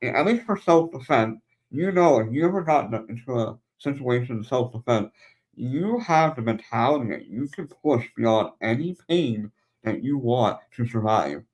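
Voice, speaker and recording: A man's voice: mid-range voice, animated, moderate pace, a little mellow, rough recording. Man hosting a martial arts podcast. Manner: conversational, drawing lessons from stories. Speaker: podcast host. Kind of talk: casual interview conversation.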